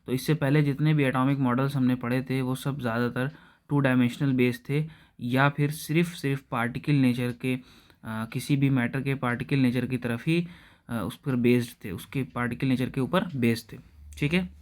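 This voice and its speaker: A man with an Indian accent teaching a chemistry class. He explains step by step, keeps checking in with his students, and slows down to dictate equations. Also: mid-range voice, steady tone. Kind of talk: classroom lecture.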